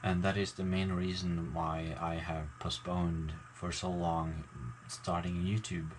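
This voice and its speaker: A man, a gaming video maker, talking casually to his viewers in a halting, mumbling way with many fillers and restarts. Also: deep voice, flat delivery, slight background noise, rough recording. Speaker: gaming YouTuber. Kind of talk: casual talk to camera.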